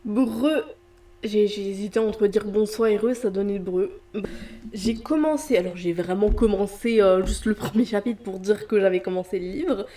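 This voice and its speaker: A woman's voice: medium pitch, moderate pace, warm tone. A young woman vlogging casually about books in a chatty way, full of hesitations and restarts, in a room with traffic outside. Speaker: book vlogger. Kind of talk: casual vlog chat.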